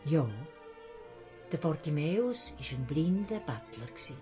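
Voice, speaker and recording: Lively Swiss German woman telling a story. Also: deep voice, unhurried, faint music behind. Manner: lively, acts out the characters' voices. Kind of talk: children's Bible story narration.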